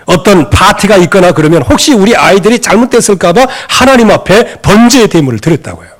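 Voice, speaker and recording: A man preaching a sermon as pastor in a church, animated and acting out quoted scolding voices. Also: sits high, fast. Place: church sanctuary.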